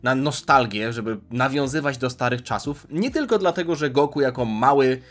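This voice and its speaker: A man's voice: mid-range voice, moderate pace, fairly bright tone. A man giving casual video commentary, chatty and analytical as he weighs fan theories aloud. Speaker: YouTube commentator on anime.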